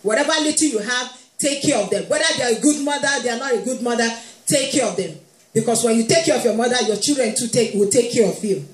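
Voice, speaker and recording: A woman's voice: on the high side, lively intonation, quick pace. A woman preaching a sermon to a congregation, speaking with humor and often laughing. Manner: warm humorous preaching, playfully quoting moms, laughing. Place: church hall. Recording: echoey hall with faint music.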